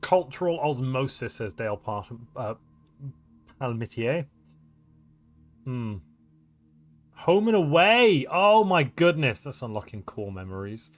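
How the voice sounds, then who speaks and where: Speaking slowly in a mid-range voice and pausing often, a North Walian streamer and tournament caster talks casually on a live stream with faint music in the background. His manner is animated and meandering, full of jokes at his own expense.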